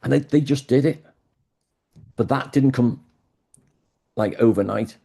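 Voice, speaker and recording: A man's voice: medium pitch, unhurried, vocal fry, dark tone, breathy edge. A man who is a guest in an interview, telling stories with enthusiasm. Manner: enthusiastic storyteller. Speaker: guest, music historian. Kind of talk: conversational interview.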